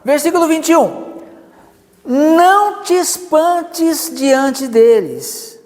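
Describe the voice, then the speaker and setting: A Brazilian man preaching a sermon, telling a story with lively asides. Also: very high-pitched, slow, big-room sound. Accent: Brazilian Portuguese. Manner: animated storytelling with many asides.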